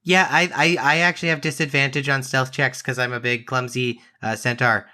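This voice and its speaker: A man playing a tabletop game, chatting casually and excitably, rambling with fillers. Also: mid-range voice, fairly quick. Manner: excitable, rambling, laughs easily. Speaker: player.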